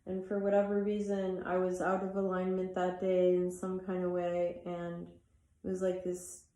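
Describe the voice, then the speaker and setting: A woman's voice: on the low side, monotone, moderate pace, mellow, reverberant. A woman teaching a guided yoga class who chats between instructions and sounds tired. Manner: chatty, apologizes for talking too much. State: tired, yawning. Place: athletic club room.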